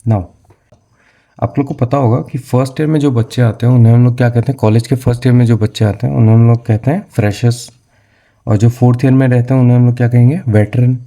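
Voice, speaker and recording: Young guy going over vocab words, super dark mellow voice, keeps asking then answering. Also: medium pitch, steady tone, fast. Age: young adult. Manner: asks questions, then answers them; frequent "theek hai na"; mixes English words into his speech. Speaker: vocabulary tutor. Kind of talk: explaining vocabulary for exam prep.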